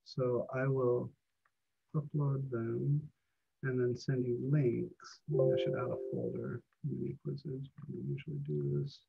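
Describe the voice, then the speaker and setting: A man teaching a college math class live online from home, relaxed and encouraging, with many fillers. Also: medium pitch, a little slow, gravelly, husky. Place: home, on a video call. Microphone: computer mic on a video call. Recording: dull lo-fi video call audio.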